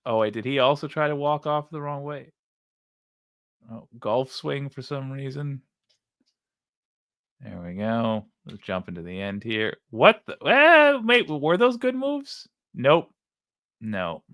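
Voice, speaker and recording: A man's voice: medium pitch, expressive, slow, long pauses, a bit bright, no room sound, studio quality. A man hosting a livestream with casual, crude, sardonic commentary while reading out viewer comments. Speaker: livestream host.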